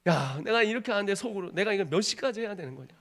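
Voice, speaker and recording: Korean missionary guy preaching, high voice that jumps all over, acts out every bit of the story. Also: lively intonation, rapid-fire. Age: 30s. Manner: dramatic storytelling, acts out voices, swings from hushed to shouting. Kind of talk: sermon with personal testimony.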